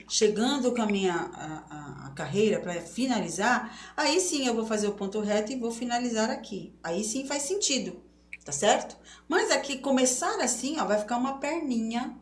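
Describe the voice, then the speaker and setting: A middle-aged woman teaching embroidery stitches in a live online class, explaining step by step and often checking that viewers follow. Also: medium pitch. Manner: chatty, explains step by step with many checks like "tá certo?". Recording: roomy echo, faint noise.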